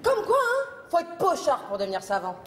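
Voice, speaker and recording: A woman's voice: very high-pitched, huge pitch swings, a little fast, fairly bright tone, full character voice. An actress playing a tipsy, cheeky, vulgar woman in a stage comedy, slangy and familiar. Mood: boozy, cheeky. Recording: reverberant theatre with audience noise.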